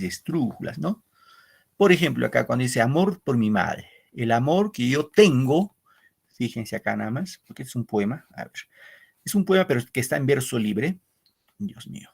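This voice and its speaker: A middle-aged male literature teacher giving an online class, explaining slowly with repetitions and frequent "¿no?" checks to his pupils. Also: medium pitch, creaky, slightly rough. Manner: explains with repetition and asks "¿no?" often; addresses pupils as "queridos muchachos".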